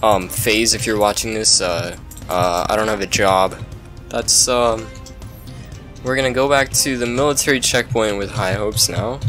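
A man's voice: fairly low pitch, a little slow, fairly bright tone. A young man giving casual, self-mocking commentary over his own gameplay, breaking into yelps and laughter when things go wrong. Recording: faint music behind.

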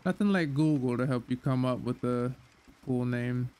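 A man's voice: medium pitch, moderate pace, mellow, slight background noise. A man casually commenting as he plays a video game, chatty and reacting aloud. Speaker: gaming streamer. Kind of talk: casual let's-play commentary.

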